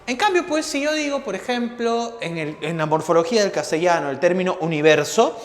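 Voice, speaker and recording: Echoey high-voiced teacher. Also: male voice, animated, fairly quick. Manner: repeats key phrases and checks in with "¿ya?" and "¿no?". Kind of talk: classroom lecture. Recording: echoey room with long reverb.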